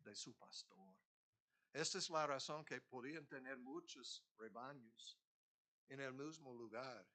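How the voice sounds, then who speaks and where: Male pastor, slow bright delivery, expressive conversational sermon. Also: mid-range voice. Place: church sanctuary.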